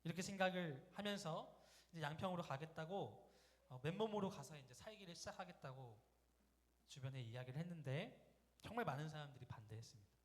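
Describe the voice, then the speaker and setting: A man's voice: on the high side, animated, fairly quick. Man preaching a storytelling sermon in a reverberant hall. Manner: conversational, asks the congregation rhetorical questions. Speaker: guest pastor. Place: church sanctuary during a Sunday service.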